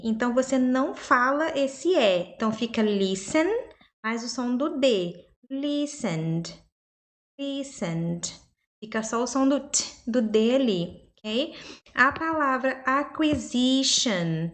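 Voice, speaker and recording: Woman, young adult, native Portuguese speaker, English teacher, unhurried, slightly high voice, repeats words slowly. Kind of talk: pronunciation lesson.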